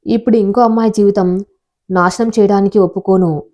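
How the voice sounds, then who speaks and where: A woman voicing a distraught, jilted young woman who shouts accusations. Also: medium pitch, steady tone, fairly quick, lo-fi sound, close to an everyday voice. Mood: desperate accusing.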